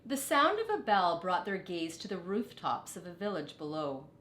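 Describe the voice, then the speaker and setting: Faint background rumble and a roomy echo surround a middle-aged woman as she reads a storybook aloud. She sounds like a teacher, deliberate and expressive, slipping in quick explanatory comments.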